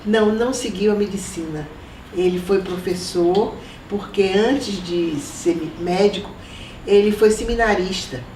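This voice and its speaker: An older woman from Salvador, recalling her family in an oral history interview at an unhurried pace. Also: mid-range voice, recorded from a distance. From Salvador, Brazil. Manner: reminiscing, unhurried, with soft laughs. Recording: echoey room, voice from off mic, faint noise.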